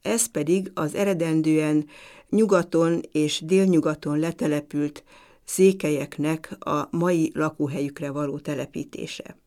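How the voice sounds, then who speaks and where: A woman lecturer giving an academic talk in a measured, deliberate way, pausing now and then to hesitate. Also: deep voice, fairly even intonation, dark tone. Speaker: university lecturer.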